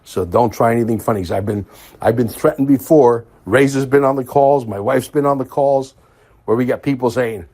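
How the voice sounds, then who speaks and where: A man's voice: mid-range voice, darkish tone. A man hosting a podcast in a casual monologue, emphatic and repeating phrases for stress. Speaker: podcast host.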